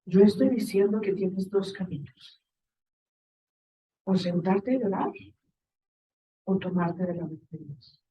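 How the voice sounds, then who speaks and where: A woman with a Guatemalan accent giving a faith talk to a live group, lively and full of rhetorical questions to her listeners. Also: mid-range voice, husky, lo-fi sound. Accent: Guatemalan Spanish.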